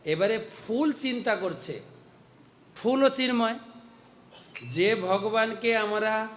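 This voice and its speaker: A monk delivering a storytelling sermon, animated and dramatic, acting out the voices in the story. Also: male voice, high-pitched, takes it slowly, slight background noise.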